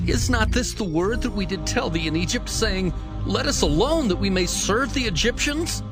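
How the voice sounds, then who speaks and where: A man's voice: high voice, expressive, moderate pace. A man playing a frightened, complaining Israelite in a dramatized audio Bible, declaiming accusations. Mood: afraid, accusing. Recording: loud music under the voice. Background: loud music.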